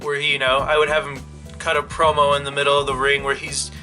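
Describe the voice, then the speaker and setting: A man's voice: mid-range voice, monotone, fast, pushed and bright, soft background music. A man hosting his own channel, chatting loosely through a wrestling storyline idea, full of "you know" and "like". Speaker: wrestling fan channel host. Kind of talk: casual fantasy-booking monologue.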